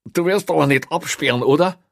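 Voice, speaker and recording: A man voicing a panicked drunk male prisoner who stammers and shouts. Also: sits high, lively intonation, a little slow, gravelly, dry recording, clean studio sound, voice pushed up, heavily acted. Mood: pleading.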